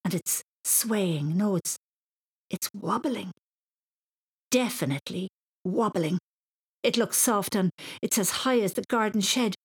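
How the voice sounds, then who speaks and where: A woman voicing an eager, imaginative young boy who whispers and shouts breathlessly. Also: medium pitch, slow, pauses often, slightly rough. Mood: excited whispering.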